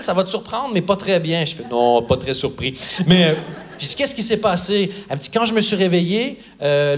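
A man's voice: high-pitched, fairly bright tone. A man performing a stand-up set on a theatre stage, telling a story and acting out the people in it. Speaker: stand-up comedian. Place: theatre stage before a live audience.

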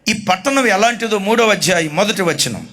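Male preacher, sermon delivery, high bright voice, dramatic storytelling with shouted peaks. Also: animated, normal speed. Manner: dramatic storytelling, acting out pleading and confessions, rising to shouts.

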